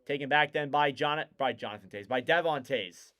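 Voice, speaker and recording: A man with a medium-pitched voice, speaking at normal speed, gives casual live play-by-play of a hockey game, growing louder and more eager on the big plays.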